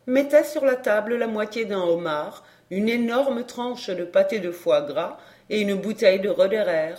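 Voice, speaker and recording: A woman reading a classic novel aloud as narrator, steady and measured. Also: medium pitch. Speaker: audiobook reader.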